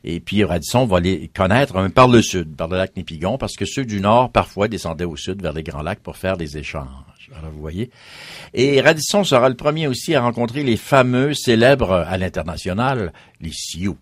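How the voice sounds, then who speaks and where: A man with a very deep, low voice, talking as a history guest on a radio interview. He explains patiently and lists names one after another. The sound is dry and close, with no room around it. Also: lively intonation, moderate pace, no echo.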